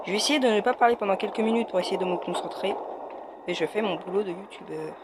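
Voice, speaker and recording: A man's voice: sits high, quick pace. A man commenting on a horror game as a gaming youtuber, jittery and frightened, yelping and muttering to himself. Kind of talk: let's play commentary. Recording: loud background noise and hiss.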